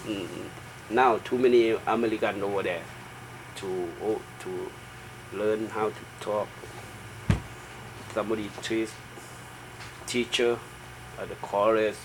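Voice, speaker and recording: Thai guy in his fifties, kinda deep voice, choppy simple english, informal interview, noisy room hum. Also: steady tone. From Thailand. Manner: halting, simple broken English with short phrases. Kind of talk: informal oral history interview.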